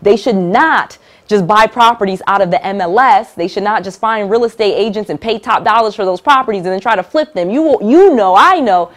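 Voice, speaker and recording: A woman's voice: mid-range voice, brisk, hardly any pauses. A middle-aged woman teaching real estate investing to camera, emphatic and direct, repeating key points and checking in with "all right?".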